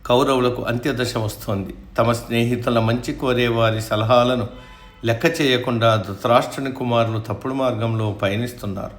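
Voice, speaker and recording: A man's voice: medium pitch, steady tone, normal speed, echoey room, natural voice. A man voicing a wise, pained older counselor who rebukes a prince, in a storybook reading.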